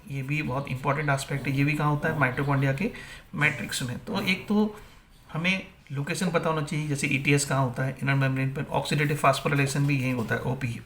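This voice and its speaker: A man's voice: fairly high pitch, a bit bright, slight background noise. A male biology teacher gives an exam-prep lecture, asking questions and answering them himself, and mixing English terms into Hindi.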